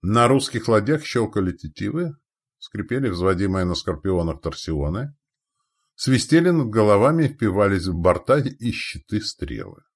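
A man with a very low, dark voice narrates a historical adventure story. His pitch swings widely as he acts out the characters' lines. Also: sing-song, normal speed, husky. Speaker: audiobook narrator.

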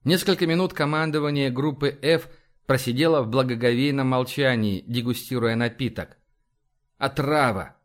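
A man narrating a science-fiction audiobook in an even, matter-of-fact reading style. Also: mid-range voice, fairly quick. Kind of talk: scripted narration.

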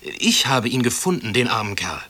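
A man's voice: medium pitch, big pitch swings, moderate pace, pushed and bright. A man reading aloud in a storybook and voicing a bullying middle-aged male school caretaker who barks orders and then turns fawning and flustered.

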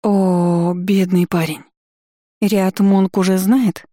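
An audiobook reader voicing a lively young woman who fires off questions and scolds her friend. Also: mid-range voice, no echo, studio quality, natural voice. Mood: exasperated. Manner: exclaiming, chiding, quick questions. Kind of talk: audiobook character voice.

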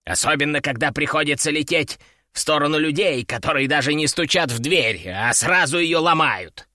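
A man voicing a grumbling, sardonic male talking parrot in an audiobook, a bit lower and slower than his narration. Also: sharp tone, no echo, studio quality. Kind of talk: audiobook character voice.

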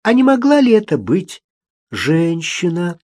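A man reading an audiobook, voicing a gentle, innocent young woman who speaks softly. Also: mid-range voice, sing-song, unhurried, dry recording. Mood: curious. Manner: soft, mild.

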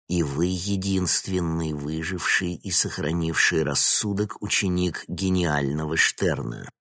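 A man voicing a cold, predatory male scientist who speaks in a slow, threatening tone. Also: deep voice, fairly bright tone, dry recording, clean studio sound.

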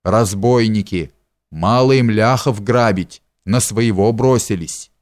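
A man's voice: lowish voice, takes it slowly, a little mellow, no echo, studio quality. Man voicing brave young warrior, cheerful, friendly, storybook.

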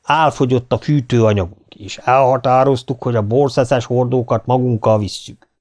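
A man's voice: mid-range voice, a little mellow, pitched above the performer's own voice, close to an everyday voice. A man voicing a huge male sailor who speaks for the crew in a blunt, challenging way. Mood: defiant. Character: giant male sailor, defiant spokesman of crew.

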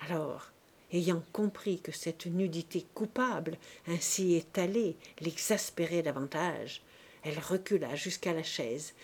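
A woman reading a classic novel aloud as an audiobook narrator, expressive and dramatic, dropping to softer passages. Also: lowish voice. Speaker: audiobook reader. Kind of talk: scripted narration.

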